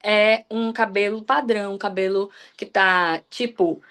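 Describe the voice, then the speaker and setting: A woman's voice: mid-range voice, fairly even intonation, unhurried, a bit bright. Candid woman preaching. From Salvador, Bahia, Brazil. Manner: candid, personal, often trails off and restarts sentences. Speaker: guest preacher on a church livestream. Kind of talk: informal devotional talk.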